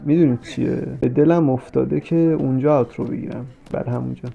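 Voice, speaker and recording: A young man with a rough, gravelly voice delivers comic gameplay commentary. He banters with the characters on screen and switches between mock soothing and loud outbursts. Game music plays clearly underneath. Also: mid-range voice, fairly even intonation, muffled recording. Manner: joking, talks to the game characters, jumps from mock soothing to shouting.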